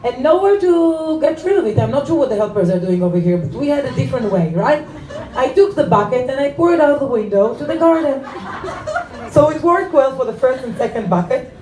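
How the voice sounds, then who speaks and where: A woman comedian telling stand-up stories on stage in an animated way, laughing through her punchlines. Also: high voice, a little fast, distant mic. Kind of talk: stand-up storytelling. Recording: echoey room with faint noise.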